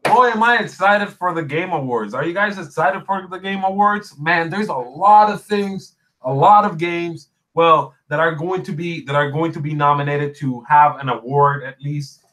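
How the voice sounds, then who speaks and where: A man hosting a casual gaming podcast livestream, chatty and excitable, saying dude and bro a lot. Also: fairly high pitch, normal speed, few pauses, poor audio. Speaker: podcast host.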